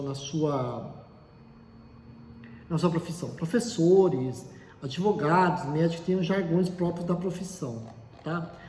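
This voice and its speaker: A man's voice: high-pitched, darkish tone. A man, lecturing as a teacher. He explains step by step, lists examples and keeps checking in with short tag questions. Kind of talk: classroom lecture on language. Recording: echoey room with long reverb.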